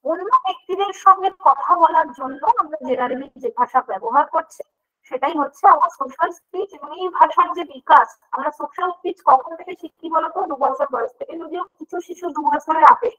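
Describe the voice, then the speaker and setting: A woman teaches an online class, her high, bright voice walking through each point. She poses questions and answers them herself. The stream audio is dull and lo-fi. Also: fairly quick. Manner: explanatory, asks and answers her own questions. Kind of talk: online lecture.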